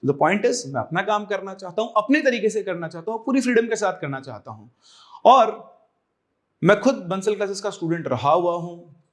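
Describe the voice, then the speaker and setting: A man's voice: sits high, animated, moderate pace. A young man and coaching teacher explaining a career decision to viewers, earnest and reassuring, slipping English phrases in. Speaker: online exam coaching teacher.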